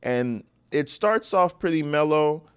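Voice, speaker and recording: A man's voice: fairly high pitch, lively intonation, unhurried, smooth. Blunt, slangy man giving emphatic commentary. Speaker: host of a true-crime commentary show. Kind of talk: informal opinionated commentary.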